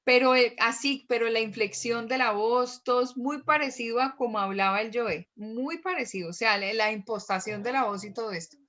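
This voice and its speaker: Lady teacher, chatty, fairly high bright voice, keeps asking the class questions. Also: moderate pace, few pauses, lo-fi sound. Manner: chatty, animated, asks students questions. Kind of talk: online class lecture.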